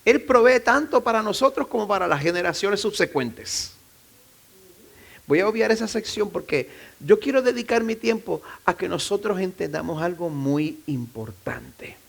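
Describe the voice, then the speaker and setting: A man's voice: high voice, lively intonation, normal speed, vocal fry, fairly bright tone. A man, a pastor, preaching a sermon in a loose, conversational way, often restarting phrases and dropping in self-deprecating asides. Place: church.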